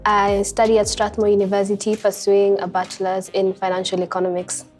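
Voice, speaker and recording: A woman of twenty-one, a guest in a casual chat, speaking in a relaxed, measured way. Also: mid-range voice, soft background music. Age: 20s.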